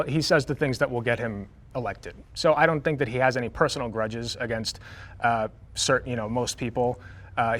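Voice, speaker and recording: A man's voice: mid-range voice, a bit bright. A man in a panel debate, talking casually, hedging and joking. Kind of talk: debate discussion.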